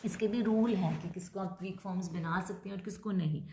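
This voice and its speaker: A woman with an Indian English accent, lecturing to students and explaining terms slowly, mixing Hindi with English words. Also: mid-range voice, dark tone, a little hiss or hum. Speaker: English teacher. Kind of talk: classroom lecture video.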